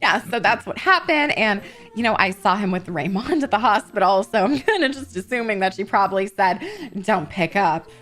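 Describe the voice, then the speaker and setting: A young woman telling a story in character during a roleplay stream, animated and swearing, building to indignant outbursts. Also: mid-range voice, fairly quick.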